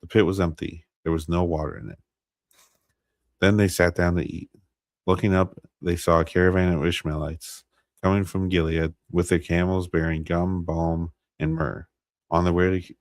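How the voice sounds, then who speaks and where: An American man with a deep, even voice walks through a Bible passage for his stream. He pauses on fillers, restarts, and second-guesses how names are said. The sound is close and dead, with no room around it. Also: dry recording. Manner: halting, many fillers and restarts, unsure of pronunciations. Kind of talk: casual Bible teaching and scripture reading.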